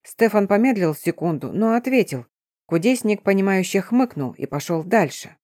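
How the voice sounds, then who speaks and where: A woman narrating an audiobook in an even storytelling manner. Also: mid-range voice, normal speed, no room sound, studio quality.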